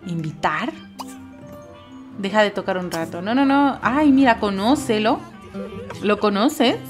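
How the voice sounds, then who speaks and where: A woman's voice: mid-range voice, animated, a little slow. Woman gamer, casual running commentary, talks to her sims, light music bed. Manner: chatty, talks to her game characters. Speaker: gaming YouTuber. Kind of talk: casual Let's Play commentary. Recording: game music behind.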